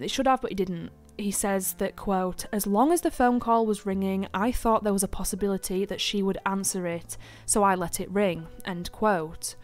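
A woman tells a true crime case on her podcast in a loose, conversational way. She is chatty and opinionated, filling her talk with ums, asides and blunt verdicts, and her voice sits at an ordinary middle pitch. Faint music plays quietly behind her. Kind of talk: casual true crime storytelling.

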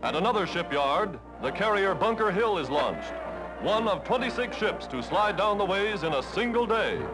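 A man narrating a 1940s newsreel in a brisk, emphatic announcing style. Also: high voice, expressive, poor audio. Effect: old newsreel. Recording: old 1940s newsreel soundtrack with loud music. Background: loud brass music.

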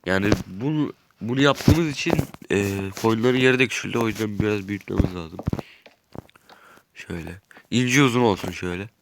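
Narrating his game as he builds, this man thinks aloud in a relaxed, chatty way, his nose audibly stuffy. The gaming YouTuber speaks at a moderate pace in a fairly low voice with vocal fry, and the clip is very noisy.

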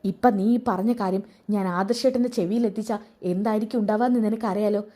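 A woman's voice: medium pitch, steady tone, brisk, mellow, natural voice. A woman voicing a loyal young woman who scolds and warns her brother-in-law. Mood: scolding. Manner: scolding, warning.

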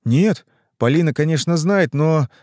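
A man's voice: fairly high pitch, expressive, a little slow, darkish tone, no room sound, clean studio sound, pitched above the performer's own voice. A man voicing an anxious middle-aged businessman and father in an audiobook, flustered and hesitant. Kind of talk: audiobook reading.

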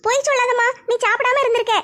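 A woman voicing a shy, sweet young village daughter, pleading softly. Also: extremely high pitch, fairly even intonation, very fast, voice pushed up. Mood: affectionate.

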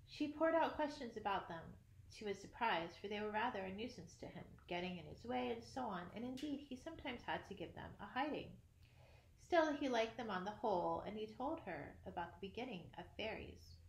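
A woman reading a children's storybook aloud in an expressive manner, with casual asides to listeners. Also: medium pitch, a little fast. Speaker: audiobook reader. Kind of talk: storybook read-aloud narration. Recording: roomy echo.

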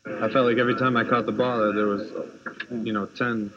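A young college basketball player in his twenties speaking in a measured way in a postgame interview, with many fillers. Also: mid-range voice, little pitch movement, noisy background. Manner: measured, many you-knows. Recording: lo-fi 1990s TV clip with crowd.

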